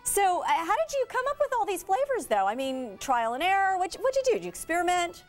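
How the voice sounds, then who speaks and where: Lively bubbly TV host woman. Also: very high-pitched, brisk, soft background music. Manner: bubbly, enthusiastic reactions. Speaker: TV news host. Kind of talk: local TV segment interview.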